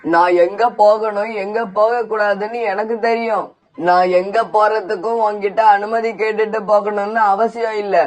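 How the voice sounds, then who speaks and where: A man's voice: high voice, level tone, normal speed, natural voice. A man voicing a cold, unfaithful father sparrow who talks in a curt, dismissive way in a cartoon. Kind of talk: cartoon voice acting.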